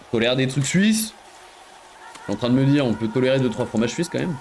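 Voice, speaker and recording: A man giving live commentary on a video game he is playing, excitable and joking, often breaking into exclamations. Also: medium pitch, a little fast, slight background noise. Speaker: streamer.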